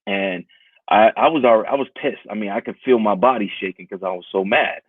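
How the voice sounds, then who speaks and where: A man's voice: on the low side, brisk, husky, no room sound, phone-quality sound. A man co-hosting a casual discussion podcast, talking bluntly with plenty of swearing as he tells a personal story. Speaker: podcast co-host.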